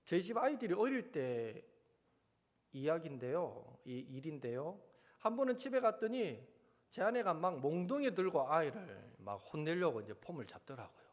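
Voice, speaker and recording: A male pastor with a Gyeongsang accent delivers a sermon in a high, lively voice. His pitch swings widely as he questions the congregation and drifts into homely asides. A long reverb from the sanctuary trails every phrase. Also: moderate pace. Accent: Gyeongsang Korean.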